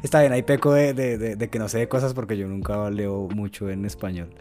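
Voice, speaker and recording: A man's voice: lowish voice, little pitch movement, brisk, music in the background. A man co-hosting a casual gaming podcast, joking and laughing often. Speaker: podcast co-host. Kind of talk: casual chat.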